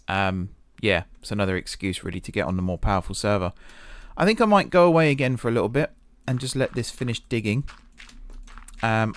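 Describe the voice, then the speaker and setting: A man's voice: on the low side, dry recording. A man giving casual gameplay commentary, thinking aloud and a little self-deprecating. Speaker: gaming video host.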